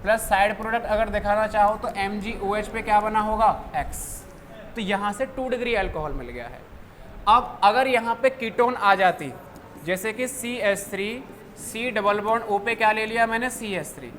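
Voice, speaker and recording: A young man teaching a chemistry class who keeps asking questions and answering them himself, dropping low on each answer. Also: moderate pace, a bit bright. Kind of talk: classroom lecture. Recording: faint background noise.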